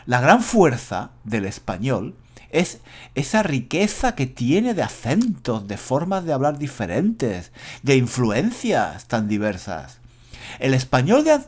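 A Spanish teacher in his fifties, from Granada, talks slowly and clearly for learners. His voice rises and falls a great deal as he goes. He pauses to name grammar points aloud. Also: mid-range voice. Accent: standard Spanish, faint Andalusian trace. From Granada, Spain. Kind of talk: slow monologue for learners.

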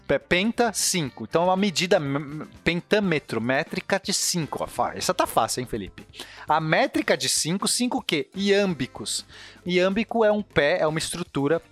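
A man's voice: a little high, very animated, normal speed, fairly bright tone, soft background music. A man with a Brazilian accent explaining poetry in a casual podcast chat, eager and full of restarts. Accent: Brazilian Portuguese.

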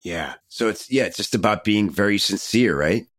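A man's voice: lowish voice, lively intonation, normal speed, a bit bright, no echo, studio quality. A man hosting a podcast interview, chatting casually with frequent "you know" fillers. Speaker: podcast host.

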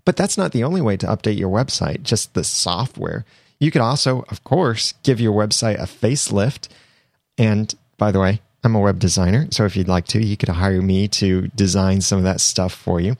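In a dry, clean studio recording, a young man hosting his own show offers tips solo, chatty and upbeat despite recovering from a cold. He speaks at a moderate pace in a fairly low, gravelly, slightly mellow voice.

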